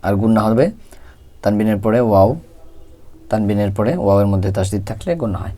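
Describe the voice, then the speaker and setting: Male Quran reading teacher, patient step-by-step lesson delivery, lowish warm tone. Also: level tone. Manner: spells out letters and vowel marks slowly, then reads them together.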